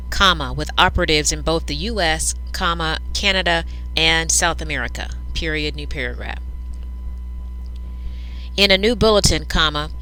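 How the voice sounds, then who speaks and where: Bright-voiced news reader dictating copy. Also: medium pitch, clear, resonant tone, poor audio. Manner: dictating, says punctuation and paragraph breaks aloud. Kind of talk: dictating news script aloud with spoken punctuation.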